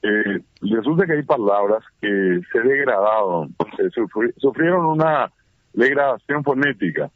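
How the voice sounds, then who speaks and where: A man's voice: medium pitch, lively intonation, a little slow, no echo. A man as a radio interview guest, explaining at length with many fillers and restarts. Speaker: guest, Guarani scholar. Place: at home during heavy rain. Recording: tinny phone line.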